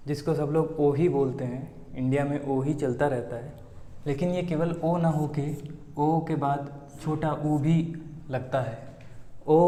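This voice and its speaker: A man with an Indian accent teaches English pronunciation slowly and patiently, stretching out each example sound. His voice sits a little high yet sounds mellow. The recording is roomy, with a long reverb tail. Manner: slow, patient explaining with drawn-out demonstration sounds. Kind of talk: spoken pronunciation lesson. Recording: echoey room with long reverb.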